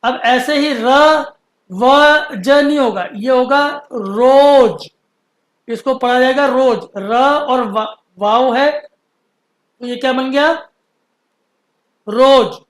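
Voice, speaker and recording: A man teaching Urdu script, patiently explaining and stretching out letter sounds slowly. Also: very high-pitched, roomy sound. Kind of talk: explaining a lesson.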